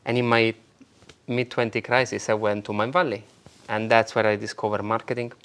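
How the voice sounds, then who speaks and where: Lively Italian-accented man in his thirties. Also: fairly low pitch, fairly quick, clear, resonant tone. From Italy. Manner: lively, animated storyteller. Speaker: guest, marketing agency founder. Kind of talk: casual interview.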